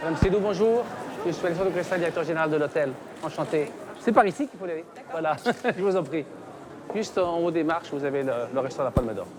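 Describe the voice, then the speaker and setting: A man's voice: on the high side, fast talker, crowd noise. A man, a hotel general manager, talking casually at work, hesitant and full of fillers and repeated words. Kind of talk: casual on-the-job chat. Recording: loud music behind the voice.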